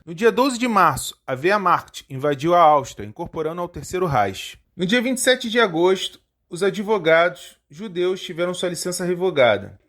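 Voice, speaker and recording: A man hosting a history channel, reading out a lecture steadily and slowing down on foreign terms. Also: high voice, animated, a bit bright.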